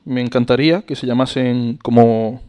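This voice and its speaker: A man's voice: medium pitch, steady tone, normal speed, warm tone, clean tone. A man co-hosting a casual chat podcast, playful and amused as he reads out odd facts. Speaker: podcast co-host.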